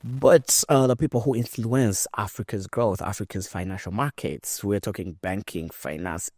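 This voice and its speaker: A man from Rwanda hosts a podcast and leads the interview with emphatic, animated phrasing, often stopping on fillers. His voice sits very low, and it sounds dry and close to the mic. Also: moderate pace, no echo. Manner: lively, emphatic, with frequent fillers. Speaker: podcast host. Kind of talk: conversational interview.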